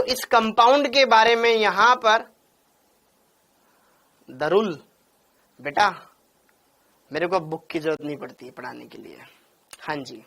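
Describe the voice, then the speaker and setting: A man's voice: sits high, fairly bright tone. A man teaching chemistry in an online class, drilling points over and over and scolding students by name. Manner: calls students by name and "beta".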